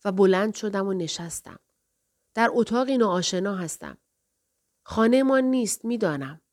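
Woman narrator for a first-person audiobook, quiet and reflective, mid-pitched. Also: animated.

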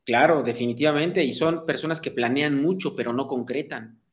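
A man's voice: mid-range voice, normal speed. A man, a psychologist guest explaining ideas in an interview and often checking that the listener follows. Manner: didactic, asks "¿sí?" for agreement, acts out quoted people.

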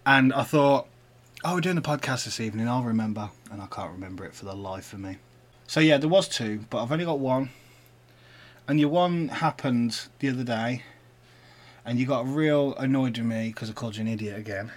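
A man's voice: medium pitch, fairly quick. A man co-hosting a casual podcast, teasing and arguing with his partner and laughing often. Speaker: podcast co-host. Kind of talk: casual couple banter.

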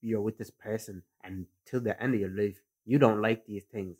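A man's voice: on the low side, steady tone, moderate pace, darkish tone. Young man, London roadman accent, casual group chat, slangy, argumentative. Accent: London, roadman-style urban slang.

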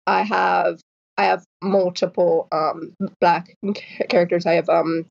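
A woman's voice: lowish voice, steady tone, a little slow, vocal fry. Woman who stutters, dull lo-fi audio. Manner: stutters, with repeated sounds and blocks; laughs often. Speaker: author guest. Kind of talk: casual interview talk.

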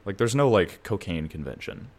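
Very deep-voiced blunt podcast man. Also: sing-song, moderate pace. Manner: blunt, swears freely, tells stories. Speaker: podcast co-host. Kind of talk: casual comedic chat.

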